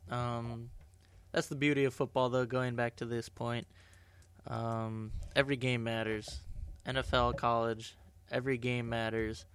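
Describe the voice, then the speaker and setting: A man's voice: medium pitch, level tone, measured pace, fairly bright tone, clean tone. A man co-hosting a podcast in casual sports chat, with wry joking asides. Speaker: podcast co-host.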